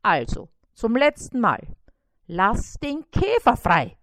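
A woman reading a storybook aloud and voicing a cheerful, greedy male fly who talks high and loud. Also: animated, slow, a little hiss or hum, full character voice. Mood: bossy.

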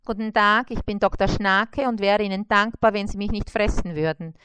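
A woman voicing a scrawny male mosquito dentist who is brisk, polite and reassuring. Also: medium pitch, fairly bright tone, clean tone, no room sound, close to an everyday voice. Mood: businesslike.

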